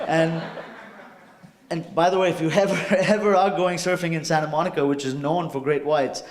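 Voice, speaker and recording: A man from India tells a personal story to a live audience, building suspense and acting out the moments with his voice. His voice sits a little high, and the sound rings in a roomy, echoing hall. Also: normal speed. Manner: animated, acts out suspense with sound effects. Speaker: speaker. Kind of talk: storytelling talk on stage. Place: stage before a live audience.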